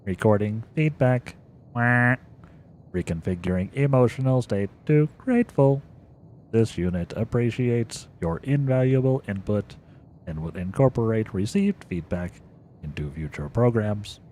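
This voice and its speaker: A man's voice: lowish voice, animated, a little slow, a little mellow, slight background noise. A man doing a robot voice for a formal robot unit, reading its lines in clipped machine phrasing. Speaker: gamer reading in-game robot lines aloud. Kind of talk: playful voicing of game dialogue.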